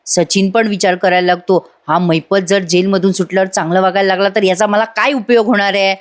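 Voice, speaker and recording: A woman's voice: mid-range voice, steady tone, fairly quick. Chatty woman narrating a TV review. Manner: chatty, addresses viewers directly. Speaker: TV serial reviewer. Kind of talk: voice-over episode review.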